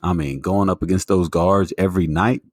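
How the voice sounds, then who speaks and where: A man's voice: deep voice, fairly even intonation, moderate pace, no echo, clean studio sound. A man co-hosting a sports podcast, making his case with stats and lots of fillers. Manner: argues a point with stats, many fillers. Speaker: podcast co-host. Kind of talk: casual sports talk.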